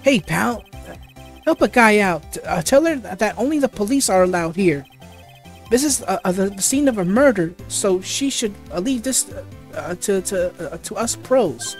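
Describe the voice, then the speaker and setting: A woman voicing a bumbling male police detective in a game, halting and stammering. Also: medium pitch, animated, soft background music, natural voice. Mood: flustered.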